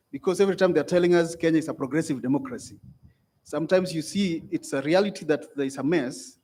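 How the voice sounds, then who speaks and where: A man's voice: fairly high pitch, a little mellow. A man in the audience at a forum, asking a skeptical, probing question.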